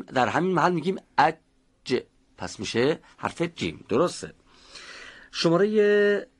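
A man's voice: medium pitch, breathy edge. A man teaching a pronunciation class, patiently explaining how each sound is made and calling on students by name.

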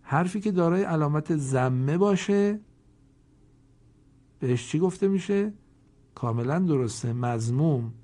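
A man teaching Quran reading in a formal recorded lesson, speaking slowly and deliberately, pausing to let learners answer. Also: fairly high pitch, lively intonation, dark tone.

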